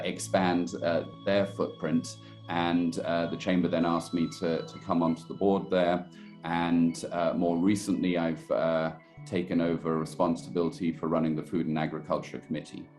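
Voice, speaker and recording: Deep-voiced older man, measured and thoughtful. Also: a little mellow. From born in Sri Lanka, raised in India. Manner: measured, thoughtful, many fillers and pauses. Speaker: guest, chamber committee head and organic estate director. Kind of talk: webinar interview answers.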